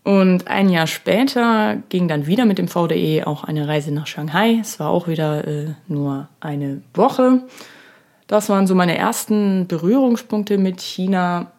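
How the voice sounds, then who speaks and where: A woman in her thirties talks solo into a studio microphone for her podcast. She is chatty and self-ironic, with a slightly low voice, and she often pauses on filler sounds. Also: darkish tone. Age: 30s. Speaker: podcast host. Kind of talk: casual solo podcast monologue.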